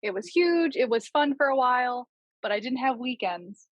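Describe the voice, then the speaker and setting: A woman's voice: on the high side, lively intonation, moderate pace, dry recording, lo-fi sound. A woman in her twenties, chatty and self-deprecating, talking casually on a podcast. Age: 20s. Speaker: project manager.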